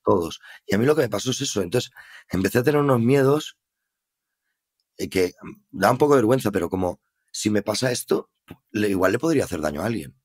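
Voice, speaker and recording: A man with a Spain Spanish accent speaks in a fairly low voice. He tells his story as a podcast guest in an earnest, reflective way, unhurried and conversational. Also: expressive, a little mellow, slightly rough. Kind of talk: casual conversation.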